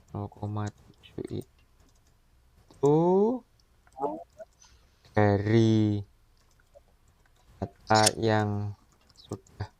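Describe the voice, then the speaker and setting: A man's voice: on the low side, gravelly, dark tone, slight background noise. A male lecturer questioning a student in an online class. His audio is choppy and keeps cutting out over the video call. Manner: probing questions, repeats words as he restarts. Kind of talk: online class feedback session. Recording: choppy video-call line, voice dropping away.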